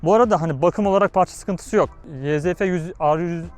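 A man's voice: sits high, fast talker, over loud music. A man speaking from inside a motorcycle helmet, giving casual, slangy motovlog commentary with explanations and rhetorical questions. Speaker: motorcycle vlogger reviewing his bike.

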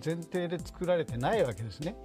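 A man's voice: a little high, expressive, fast, music in the background. A man on a TV panel, a former newspaper political editor, speaking hesitantly and defensively with many fillers. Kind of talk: TV panel discussion.

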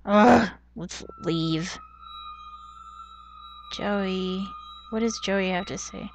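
A young woman talking over her game playthrough, slow and unhurried. She mumbles and thinks aloud between moves, with faint game music behind her. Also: mid-range voice. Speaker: let's play gamer. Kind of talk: casual gameplay commentary.

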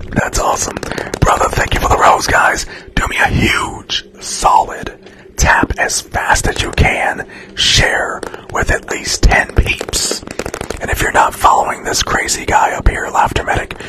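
A man whispering through a chaotic ASMR livestream, chatting and thanking viewers for gifts. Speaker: livestream host.

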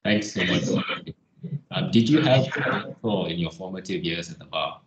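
Deep-voiced man on a dull, roomy call. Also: animated, normal speed, noisy background. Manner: brief, polite questions. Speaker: interviewer. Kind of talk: webinar interview questions. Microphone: video call.

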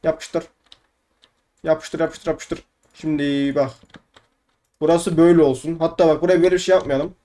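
A man's voice: fairly high pitch, fairly even intonation, normal speed, pauses often, warm tone. A young man giving casual let's-play commentary, chatty and playfully swearing, often repeating words over and over. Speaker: gaming YouTuber.

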